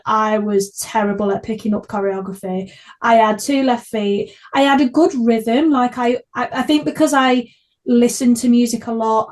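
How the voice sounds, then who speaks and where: A podcast host chats casually in a fairly high voice with a darkish tone. She's effusive and enthusiastic, keeping things informal and chatty.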